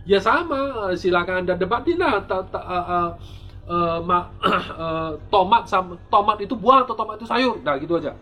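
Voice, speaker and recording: With soft music playing in the background, a male Buddhist monk speaks in a high, animated, sharp voice at a moderate pace. During his dharma talk he fields viewer questions with rhetorical questions and playful teasing, restarting often and repeating himself.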